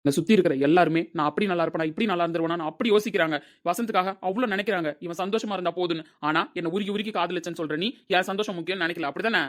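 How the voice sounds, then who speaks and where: Casting: a man as a bitter young lover, rapid shouted rebukes, slightly high voice. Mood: bitter anger. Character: angry young man hurt in love.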